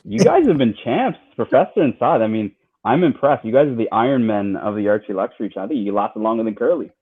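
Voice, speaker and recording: Low-voiced man on a tinny line. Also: quick pace. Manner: relaxed, chatty, many fillers and repeats. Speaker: livestream co-host. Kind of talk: casual livestream chat.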